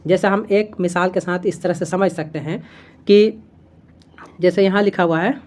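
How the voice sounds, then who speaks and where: A woman's voice: lowish voice, steady tone, normal speed, a little mellow. A woman teaching an exam-prep lesson, reading from notes and explaining step by step, with fillers and self-corrections as she repeats key terms.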